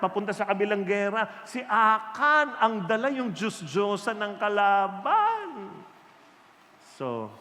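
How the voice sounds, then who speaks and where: Bright high-voiced male preacher in a hall. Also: slight background noise. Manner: animated storytelling with jokes. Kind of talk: sermon. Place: large hall with an audience. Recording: echoey hall reverb.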